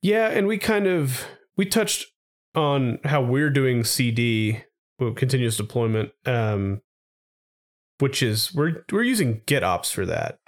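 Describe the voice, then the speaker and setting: Slow and sing-song, this mid-range male voice belongs to a co-host of a laid-back tech podcast. A cold-like illness leaves him slightly congested, and his informal style is full of questions.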